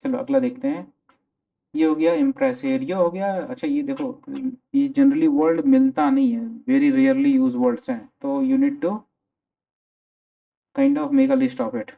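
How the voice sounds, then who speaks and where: A man's voice: very high-pitched, very animated, slow, creaky. A male teacher with an Indian English accent gives a vocabulary lecture in mixed Hindi and English, asking and answering his own questions. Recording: tinny phone-like sound.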